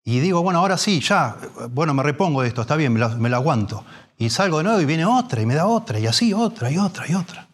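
Preacher doing a despairing, overwhelmed man, voice climbing high, pleading outcry. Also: lively intonation, moderate pace, long pauses, breathy edge. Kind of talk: acted quote in a sermon.

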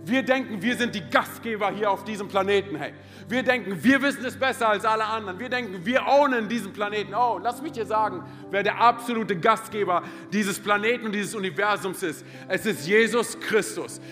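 High-voiced preaching man in a reverberant hall. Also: a little fast, bright, forceful tone, faint music behind. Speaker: pastor. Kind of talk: sermon. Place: large church hall with music behind. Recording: live church hall with long reverb.

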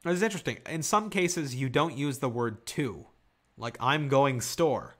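A man co-hosts a relaxed podcast chat. He is from Michigan, and his voice swings a lot in pitch. He reads aloud and jokes along the way. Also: moderate pace. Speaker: podcast co-host. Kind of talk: casual chat.

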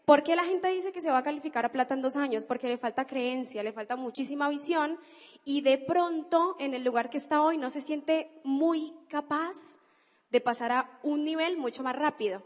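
A Colombian woman with a high, bright-pitched voice delivers a motivational business talk, enthusiastic and emphatic. Her voice carries a long hall reverb, as if she is speaking in a large convention hall. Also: moderate pace. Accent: Colombian (Cali).

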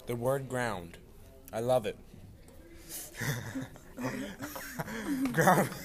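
A man chatting casually about food, rambling and playful, repeating words, sounding a bit stuffy. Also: medium pitch.

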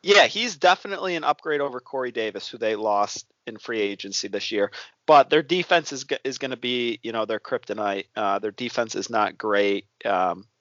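A man's voice: mid-range voice, normal speed, a bit bright, no echo. Man, self-mocking sports chat, lo-fi. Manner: loose and self-deprecating, many ums. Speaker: sports podcast co-host. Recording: dull lo-fi, dry sound.

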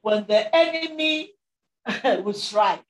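A woman pastor preaching a sermon with emphatic swings between loud declarations and softer asides. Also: fairly high pitch, animated, slow pace, roomy sound, low-quality recording.

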